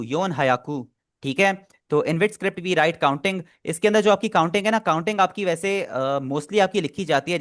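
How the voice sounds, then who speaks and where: Guy teaching an online class, kinda high voice, patient, repeats stuff a lot. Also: fairly bright tone. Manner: patient, repeats and explains step by step. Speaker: Japanese language teacher.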